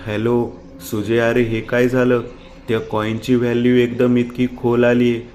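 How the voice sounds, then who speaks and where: A man's voice: mid-range voice, completely flat delivery, moderate pace, darkish tone, a little hiss or hum, close to an everyday voice. A man voicing a desperate young man who has lost everything, panicked and pleading. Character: desperate young man ruined by bad investment.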